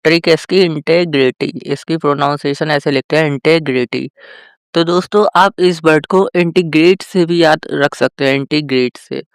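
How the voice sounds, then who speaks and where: A male teacher giving a vocabulary lesson, addressing viewers as friends and slowly drawing out each example sentence. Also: on the high side, steady tone, clean tone, no echo, clean studio sound. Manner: slow, drawn-out example sentences. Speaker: English teacher.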